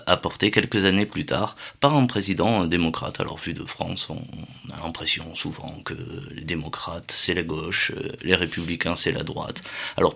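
A man presenting a radio talk segment from the studio, halting often with fillers as he explains. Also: very deep voice, gravelly, sharp tone. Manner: hesitant, many euh fillers.

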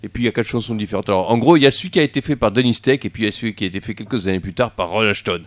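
Male radio host, low and dry, chatty and halting. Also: no echo. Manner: hesitant, many fillers and restarts. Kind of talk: casual radio chat.

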